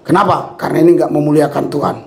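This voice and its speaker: High-voiced pastor preaching in an echoing hall. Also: male voice, rapid-fire. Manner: animated, laughing, frequent hallelujahs. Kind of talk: sermon with personal stories. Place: church service with congregation.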